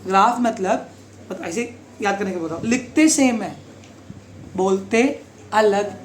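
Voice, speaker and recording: A man's voice: high-pitched, a little slow. A male tutor drills a class on grammar, firing questions at his pupils and throwing in English example sentences. His voice rings through a bare, echoey classroom. Faint noise sits underneath. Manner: quizzes pupils, mixes English lines into Hindi, keeps asking "समझा?". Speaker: teacher.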